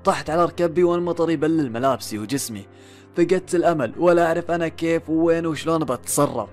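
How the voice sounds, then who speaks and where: A man narrating a first-person horror story, building suspense with dramatic pauses and questions to himself. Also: a little high. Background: faint background music.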